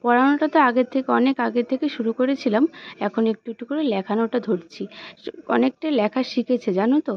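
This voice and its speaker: A young woman with a fairly high, gravelly voice vlogs from her kitchen at home, chatting casually with viewers as she talks them through her cooking and chores step by step. The audio is a dull, lo-fi home recording.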